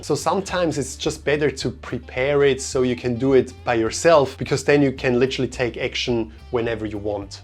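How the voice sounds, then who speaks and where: A young man who grew up in Switzerland, telling a story in a relaxed, chatty vlog style with many fillers. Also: medium pitch. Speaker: vlogger. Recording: faint music behind.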